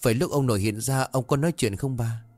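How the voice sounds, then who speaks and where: A man's voice: medium pitch, fast, darkish tone, no room sound, faint music behind, pitched above the performer's own voice, close to an everyday voice. A man voicing a timid, curious young village boy who asks frightened, pleading questions. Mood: anxious.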